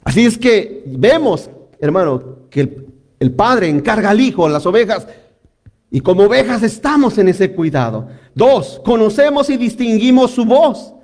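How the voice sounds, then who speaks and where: High-voiced man preaching with animated energy. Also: unhurried. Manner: animated preaching with frequent audience prompts. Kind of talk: sermon.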